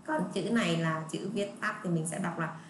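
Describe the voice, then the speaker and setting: Speaking at a fairly low pitch, a Southern Vietnamese-accented teacher walks young children through English words in an online pronunciation class. She's patient and repetitive, stretching out slow model readings, and the room echoes with faint ambient noise.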